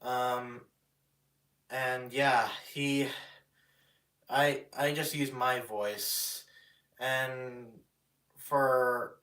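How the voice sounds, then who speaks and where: A man chatting casually on a live stream, halting and restarting often as he talks about his puppets. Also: mid-range voice, little pitch movement, sharp tone. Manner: halting, many restarts and fillers. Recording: roomy echo, mic at a distance.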